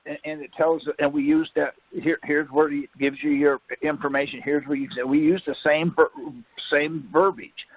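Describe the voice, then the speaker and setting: Speaking at a moderate pace with few pauses, a man whose voice is on the high side delivers flat, casual explanations while hosting a conference call. He rambles and self-corrects, often saying "um" and "see?", all through muffled phone-line audio.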